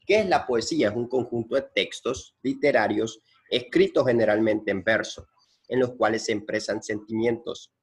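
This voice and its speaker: A man's voice: fairly low pitch, husky. A man teaching a lesson, patiently explaining and repeating points and counting syllables aloud. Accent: Central American Spanish.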